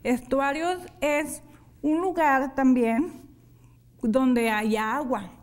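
A woman teaching sign language in a televised class, explaining each hand sign slowly, step by step. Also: high voice.

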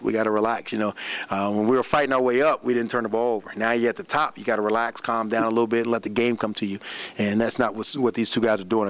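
A middle-aged man, a head basketball coach, answering questions after a game at a press room desk microphone, animated and repeating words as he talks. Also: lowish voice. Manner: animated, repeats words, fast run-on talk. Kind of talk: post-game press conference. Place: press room in front of a backdrop. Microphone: desk microphone on a stand.

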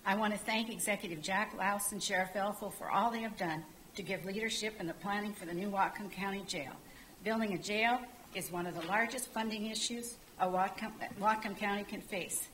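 A woman's voice: mid-range voice, a bit bright, slight background noise, poor audio. An older woman giving a formal public comment from a podium in a council chamber, reading a prepared statement. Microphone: podium microphone.

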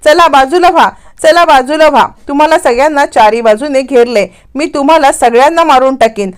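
A woman voicing an excited young man waving a gun, talking in a wild, shouty way. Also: sits high, a little fast, pitched above the performer's own voice, lightly acted.

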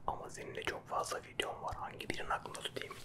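A man doing playful ASMR chat in a quiet, hushed late-night whisper. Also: fast talker. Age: 30s. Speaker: ASMR creator and game contestant. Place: small dim room at a desk, indoors. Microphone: close microphone with furry windscreen.

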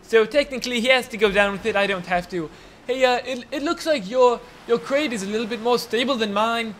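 A man voicing a bumbling, boastful ship captain in a comedy machinima, talking in an excitable, rambling way and breaking into yelps. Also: very high voice, a little fast, a little hiss or hum. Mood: blustering.

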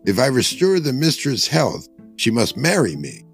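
A man's voice: mid-range voice, huge pitch swings, moderate pace, faint music behind, pitched above the performer's own voice. A man doing an earnest, eager poor craftsman. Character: poor, proud, hopeful male glassblower.

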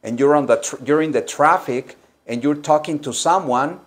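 Slow, patient man teaching English. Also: a little high. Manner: drills phrases slowly, switching between Spanish explanations and English examples. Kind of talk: slow, repetitive language lesson.

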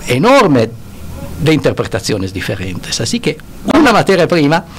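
A man's voice: on the high side, wildly swooping pitch, moderate pace, a little hiss or hum. A middle-aged man from Italy speaking Spanish with a northern Italian accent, a guest in a studio interview, searching for words with many restarts. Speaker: guest expert. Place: indoor radio studio with bookshelves. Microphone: studio mic on stand.

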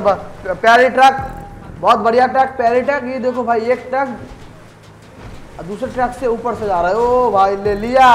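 A man giving live gameplay commentary as a gaming YouTuber, excitable and trash-talking rivals with swearing. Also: very high voice, roomy sound, slight background noise, low-quality recording.

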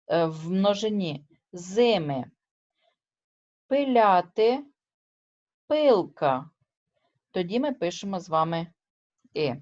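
A woman teacher talks through a remote lesson at a slow, unhurried pace, stretching out each example word so it lands. Her voice sits at a middle pitch and comes through a dull, lo-fi recording. She keeps stopping to check that her students are following. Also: darkish tone. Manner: slow, careful, stresses and drawls example words; checks with students by asking short questions.

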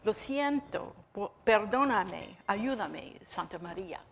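A woman's voice: mid-range voice, lively intonation, unhurried, gravelly, a little hiss or hum. A woman voicing a terrified, dying old man who gasps and begs for help. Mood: desperate. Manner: gasping, desperate pleading.

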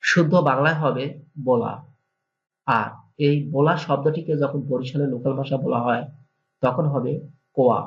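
A man giving a dialect tutorial as a language tutor, saying each phrase twice, slowly and clearly. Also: medium pitch. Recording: dull lo-fi recording.

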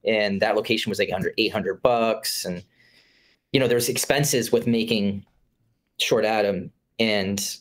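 Seated in a room with a curtained window, a thirtysomething filmmaker from Florida, USA joins a video call as a guest. His voice sits on the low side, a little slow and fairly even, and his laid-back chat is filled with fillers.

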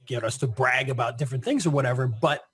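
A man's voice: medium pitch, quick pace, a bit bright. A man speaking as an interview guest in a casual conversation, often repeating his first words and laughing.

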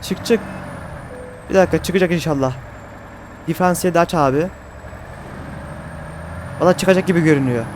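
A man giving excitable, swearing commentary while playing a truck driving game, his mouth numb from a dental injection. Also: a little high, a little fast, long pauses, a little hiss or hum. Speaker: gaming streamer. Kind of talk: casual gameplay commentary.

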